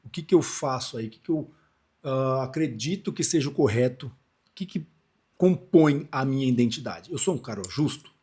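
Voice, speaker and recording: This man, in his forties and from Brazil, coaches public speaking in a relaxed on-camera lesson that often restarts and wanders into asides. His voice is medium-pitched, animated, mellow, and slightly rough, at normal speed.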